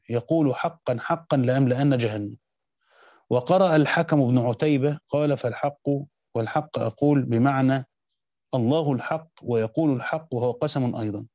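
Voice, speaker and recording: With a medium-pitched, slightly mellow voice and no room sound, an Egyptian-accented man teaches Quranic exegesis, reading quoted text from a classical commentary before explaining it in everyday speech. He frequently stops and restarts partway through phrases.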